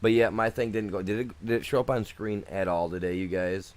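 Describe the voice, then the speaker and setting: While streaming a farming game, a young man keeps up brisk, laid-back, rambling chat with his viewers, often abandoning sentences and restarting them. His voice is fairly low, with fairly even intonation.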